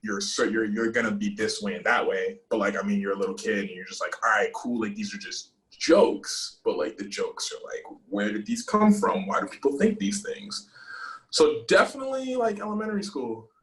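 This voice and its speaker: A man's voice: on the low side, moderate pace, a bit bright, rough recording. A man in his twenties talking casually and loosely, with lots of fillers, in a video call interview. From United States. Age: 20s.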